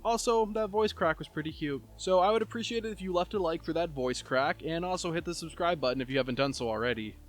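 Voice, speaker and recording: A man's voice: a little high, fast, hardly any pauses. A man narrating online stories for his channel as its host. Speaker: YouTube story narrator. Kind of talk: reading online stories aloud. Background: soft chill background music.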